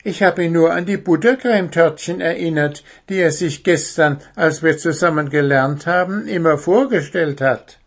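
Man playing a little boy owlet, earnest, eager, pleading, much higher voice, storybook. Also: moderate pace, hardly any pauses.

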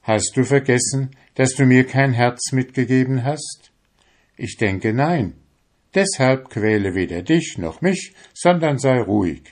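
A man's voice: medium pitch, animated, unhurried, darkish tone, pitched above the performer's own voice. A man voicing a heartless male soul that coaxes and commands in a storybook reading. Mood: coaxing. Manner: coaxing, insistent.

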